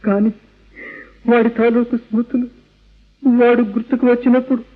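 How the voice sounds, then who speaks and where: A man's voice: very high voice, little pitch movement, normal speed. Anguished father, tinny old radio drama. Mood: brooding, doubting. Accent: Telugu Indian. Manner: emphatic, theatrical, mixes English words into speech. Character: rationalist young father, atheist, anguished over his son. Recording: tinny narrow-band old radio recording.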